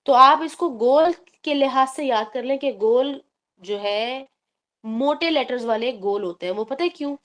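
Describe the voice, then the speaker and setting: This woman's fairly bright, slightly high voice guides her online class through recitation. She explains patiently, one step at a time, dropping English terms into what she says.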